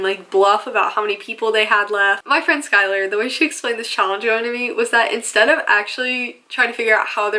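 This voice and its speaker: Young woman, college student, chatty, filler-heavy, bright tone. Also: a little high. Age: young adult. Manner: chatty, self-mocking, full of "like" fillers. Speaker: vlogger. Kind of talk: casual storytelling vlog.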